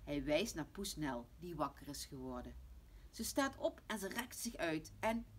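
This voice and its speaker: A woman reading a children's bedtime story aloud in a gentle manner. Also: sits low, very animated, a little slow, husky. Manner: gentle, hushed toward the end. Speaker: reader.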